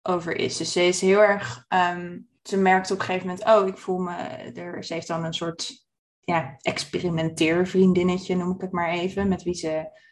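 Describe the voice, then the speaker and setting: A woman co-hosting a book discussion, relaxed and hesitant, pausing often as she explains. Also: on the low side, a little hiss or hum. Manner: relaxed, hesitant with many pauses. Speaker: podcast co-host discussing a book.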